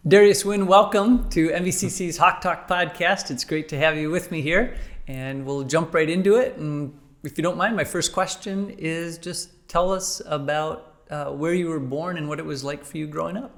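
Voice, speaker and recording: A man, a college president, interviewing a guest on a podcast, asking measured questions with frequent fillers. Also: fairly high pitch, fairly bright tone.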